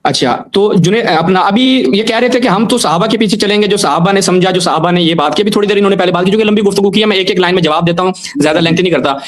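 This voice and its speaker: A man arguing his case in a religious debate, insistent and pressing, reciting Arabic quotations at a steady clip. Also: sits high, few pauses. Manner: insistent, argumentative, quotes Arabic texts. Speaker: debate guest.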